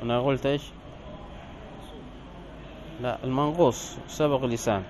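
A man teaching Arabic grammar, explaining a text line by line. He reads the quoted passages louder, slows down on examples and corrects his own slips. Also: medium pitch, steady tone. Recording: faint background noise.

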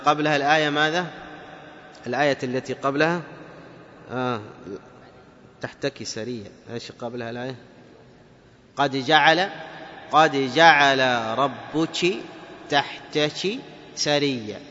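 Arabic teacher in an echoing hall. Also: male voice, a little high, bright, forceful tone. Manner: demonstrates sounds, asks and answers his own questions. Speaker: teacher of Quran recitation. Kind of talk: classroom lesson on pronunciation. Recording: muffled recording in a long-echo hall.

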